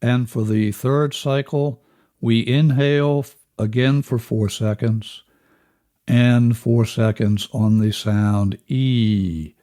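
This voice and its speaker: Male relaxation instructor, average pitch, extremely unhurried delivery, measured step-by-step guidance for a breathing lesson. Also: dark tone. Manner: measured, instructional, counting out steps.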